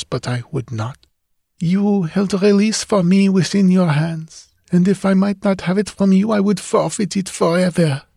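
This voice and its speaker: A woman's voice: on the low side, vocal fry, warm tone, no echo, clean studio sound, pitched above the performer's own voice. A man voicing a tender, pleading young French woman's ghost in an audiobook, speaking with a French accent and old-fashioned phrasing. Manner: pleading, archaic speech.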